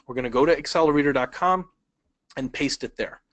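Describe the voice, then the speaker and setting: A man teaching a speed reading webinar from a laptop, talking conversationally, asking the audience questions and changing his pace and loudness for emphasis. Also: medium pitch, brisk, no echo, poor audio. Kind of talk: webinar lesson. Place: indoors at a laptop.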